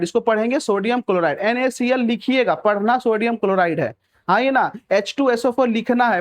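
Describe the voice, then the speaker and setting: A young male teacher teaching chemistry. He asks a question, answers it himself, repeats the key words and keeps checking that the students understand. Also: high voice. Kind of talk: chemistry lesson.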